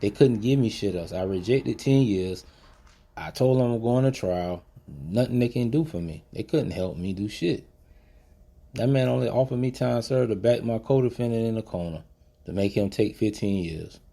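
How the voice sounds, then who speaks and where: A man's voice: lowish voice, animated, normal speed, gravelly, warm tone. A man hosting a podcast, telling a personal story in a blunt, profane, emphatic way that turns motivational. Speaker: podcast host.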